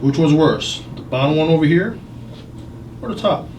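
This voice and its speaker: With a slightly high, somewhat mellow voice and lively intonation, this chiropractor talks at a moderate pace. He walks a patient through a clinical exam using short questions and explanations inside his clinic. A distant mic picks up a roomy, noisy space.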